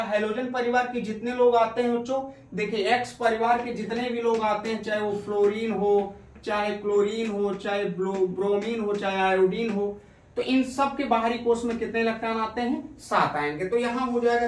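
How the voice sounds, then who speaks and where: A male chemistry teacher coaxing his pupils through a lesson, asking questions and answering them himself. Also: very high-pitched. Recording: echoey room, recorded from a distance.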